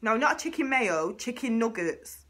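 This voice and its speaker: A woman's voice: on the high side, very animated, moderate pace, fairly bright tone. A woman in her thirties with a Mancunian accent talks straight to camera in a chatty, comedic vlog. Her voice moves up and down a lot, and she slips into playful exaggerated takes on other people. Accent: Mancunian English. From Manchester, England. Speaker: vlogger.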